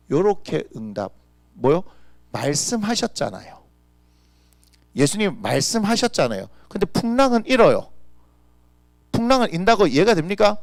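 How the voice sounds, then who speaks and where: Animated gravelly-voiced male pastor. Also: sits high, dry recording, clean studio sound. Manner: animated, full of rhetorical questions. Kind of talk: lively conversational sermon. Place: church.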